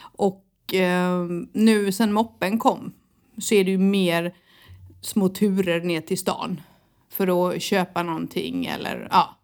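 A woman's voice: lowish voice, fairly even intonation, a little mellow. A middle-aged woman co-hosting a podcast, chatting casually, telling stories animatedly and laughing often. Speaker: podcast co-host. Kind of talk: casual chat.

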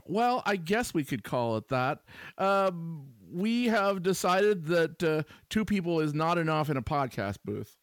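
A man's voice: fairly high pitch, sing-song, a little slow, dry recording. A man co-hosting a podcast, talking casually with lots of fillers and dry humor. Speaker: podcast co-host.

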